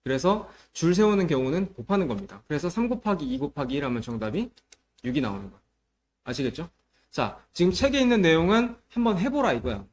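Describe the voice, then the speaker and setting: Brief: male math tutor, a bit higher voice, lively swinging delivery, keeps asking "got it?". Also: quick pace, slight background noise. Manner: explains step by step and checks understanding with repeated questions; mixes polite speech with casual speech to students. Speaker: middle school math teacher. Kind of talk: classroom math lesson.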